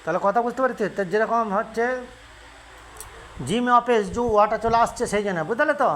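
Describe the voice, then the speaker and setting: A man's voice: extremely high pitch, steady tone, fairly quick, a bit bright, slight background noise, rough recording. A man teaching a child to read Arabic letters, patiently drilling sounds in call and response and asking checking questions. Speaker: Quran reading teacher.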